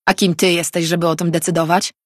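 A woman's voice: on the low side, level tone, quick pace, dry recording, studio quality, close to an everyday voice. A woman reading an audiobook voicing a stern, impatient older male mage who scolds sharply.

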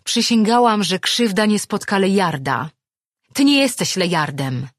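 A resolute young sorceress in a fantasy audiobook, as the narrator voices her. She speaks raised, firm and forceful. The voice is husky and sounds close and dry. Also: mid-range voice, slow, no room sound. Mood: stern. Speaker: character in an audiobook. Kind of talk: audiobook character reading.

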